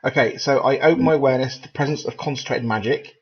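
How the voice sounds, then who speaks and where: A man playing in a tabletop game, joking and a little halting as he describes his actions. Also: mid-range voice, highs cut off, faint music behind. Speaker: player. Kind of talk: casual tabletop game play.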